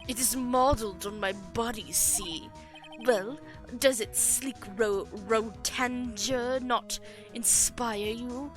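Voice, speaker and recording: A woman voicing a pompous, flamboyant male company boss who drawls slowly and grandly and mangles big words. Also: on the high side, soft background music. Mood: grandiose.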